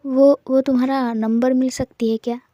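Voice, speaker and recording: A woman's voice: high-pitched, level tone, moderate pace, mellow, no echo, highs cut off, close to an everyday voice. A woman voicing a polite young woman doctor with a light, witty way of speaking. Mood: friendly.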